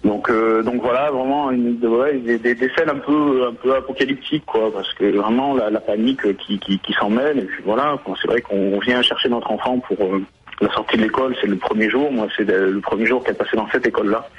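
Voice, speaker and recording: Hesitant, low-voiced man, dull lo-fi line. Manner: hesitant, halting, stumbling with repeated words. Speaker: eyewitness parent interviewed on radio. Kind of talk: spontaneous eyewitness account. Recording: dull lo-fi radio phone call, faint noise.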